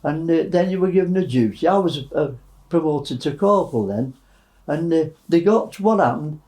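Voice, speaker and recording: Halting elderly man in his nineties. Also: fairly high pitch, animated, a little mellow, low-quality recording. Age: 90s. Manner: halting storytelling with many fillers. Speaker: war veteran. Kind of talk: recounting wartime memories.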